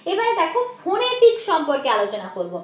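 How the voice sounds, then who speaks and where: A woman teaches an exam-prep lesson step by step, answering her own questions and often slipping in English terms and phrases. Her voice is very high with wildly swooping pitch, she talks fast, and the lo-fi recording sounds like an echoey room.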